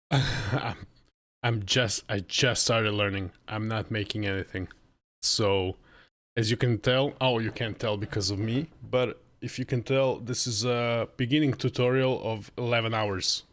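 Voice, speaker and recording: Speaking into a close arm-mounted desk microphone, this late-thirties Croatian livestreamer talks casually, somewhat hesitantly, as he works on learning game development at a desk in an indoor room. His pitch is fairly low, his intonation fairly even, and his measured delivery has a slightly bright quality.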